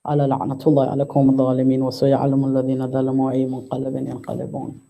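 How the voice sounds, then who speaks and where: A man giving a mourning sermon as a majlis speaker, impassioned, his voice climbing high in grief as he quotes Arabic. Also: monotone, very fast, vocal fry, mellow.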